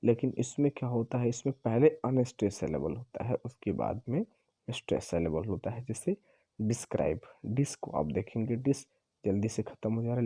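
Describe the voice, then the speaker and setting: A man teaching an exam-prep lesson, explaining slowly and repeating himself as he corrects his own slips. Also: on the low side, mellow, husky, no echo. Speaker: English teacher.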